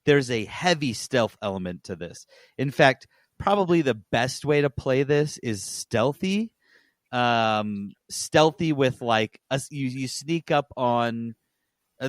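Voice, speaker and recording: This podcast co-host reviews games in a loose, rambling manner, often stopping to correct himself. His voice is medium in pitch, and there's no audible room sound.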